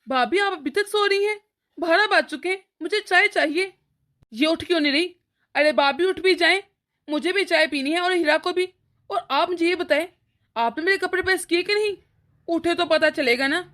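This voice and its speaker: Woman voicing a cartoon man who is cranky and preachy, pitched high and bright. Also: moderate pace. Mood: irritated. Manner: annoyed, lecturing. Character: irritable elder brother, adult man, short-tempered.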